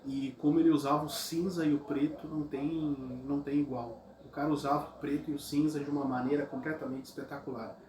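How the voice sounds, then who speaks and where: A man's voice: a little high, level tone, fairly quick, hardly any pauses, darkish tone. A man giving a casual, rambling, enthusiastic talk. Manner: rambling, enthusiastic, tags phrases with "né". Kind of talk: casual spoken talk about favorite artists. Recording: echoey room with crowd noise behind. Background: crowd chatter.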